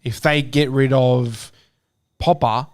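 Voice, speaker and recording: A hesitant man joins a casual football chat. His voice sits at a middle pitch, and he restarts his sentences as he gathers his thoughts. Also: fairly even intonation, slow pace. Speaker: football podcast co-host.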